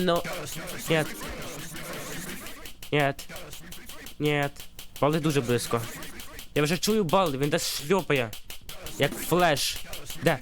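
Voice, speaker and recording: Man, gameplay commentary, excitable, panicky yelps, lively pitch, loud game music behind. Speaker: let's play gamer.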